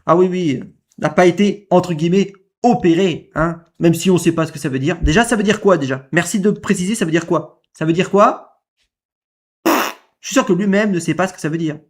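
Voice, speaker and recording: At a moderate pace, a man with a high-sitting voice reacts to a clip in casual commentary. He sounds indignant, repeats himself, and keeps firing rhetorical questions.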